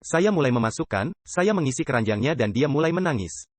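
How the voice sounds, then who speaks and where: Fast-talking man dubbing a sermon. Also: medium pitch, dry recording. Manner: lively storytelling, acting out dialogue. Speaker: preacher dubbed into Indonesian. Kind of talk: dubbed sermon storytelling.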